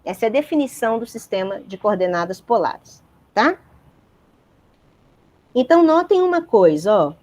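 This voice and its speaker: A woman's voice: fairly high pitch, big pitch swings, normal speed, pauses often, darkish tone. A woman giving a university physics lecture, explaining step by step and checking in with her students.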